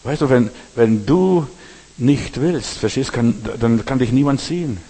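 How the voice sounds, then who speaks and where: A man's voice: medium pitch, animated, measured pace, mellow, husky, big-room sound. A man preaching a sermon, addressing listeners directly with frequent asides asking if they understand.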